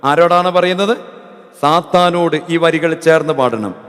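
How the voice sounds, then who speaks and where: A man's voice: a little high, a little slow, fairly bright tone. A man with a Malayali accent preaching at a church retreat. He asks the congregation questions, repeats the answers and leads them in singing a hymn. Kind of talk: sermon with call-and-response and hymn singing. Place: church hall. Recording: reverberant church hall.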